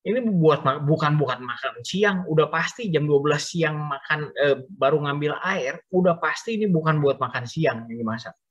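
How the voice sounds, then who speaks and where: A man's voice: a little high, moderate pace, few pauses, breathy edge. A man giving a casual, chatty storytelling sermon to a youth group over an online call, addressing listeners directly. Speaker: youth service speaker. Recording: dull Zoom audio.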